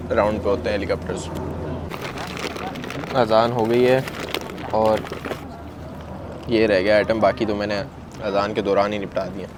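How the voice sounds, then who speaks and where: A chatty male travel vlogger with a fairly low-pitched voice and a sore throat narrates handheld footage, addressing viewers as brother. He is outdoors and in a large, busy mosque extension, recorded on a noisy phone outside.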